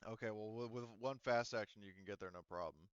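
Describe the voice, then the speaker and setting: A man with a lowish, smooth and resonant voice runs a tabletop game as game master. He explains the rules patiently, with plenty of "um"s. The sound is dry and a little dull, as if from a cheap mic. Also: fast talker, dry recording. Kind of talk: running a tabletop game online.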